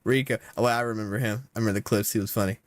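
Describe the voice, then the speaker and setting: A young man giving casual reaction commentary, slangy and exasperated, with sudden loud outbursts. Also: fairly low pitch, fairly even intonation, rapid-fire, dry recording, clean studio sound. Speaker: content creator.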